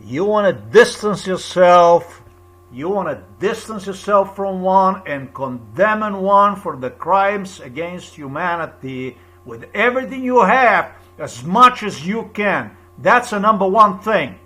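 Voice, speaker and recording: A man's voice: high-pitched, big pitch swings, slow, sharp tone. Insistent Slovenian-accented man. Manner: insistent, repetitive, lecturing. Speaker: video blogger. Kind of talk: emphatic monologue to camera.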